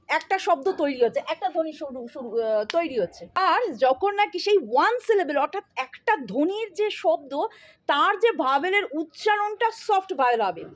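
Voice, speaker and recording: A woman teaching an English spelling lesson in Bengali, explaining patiently step by step and often checking that her students follow. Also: extremely high pitch.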